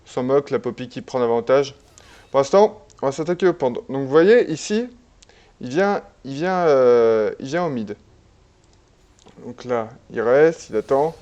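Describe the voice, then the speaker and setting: A man casually talks over a replay of his own online game, relaxed and chatty, full of fillers and restarts. His voice is medium-pitched at a normal speed, and the audio sounds dull.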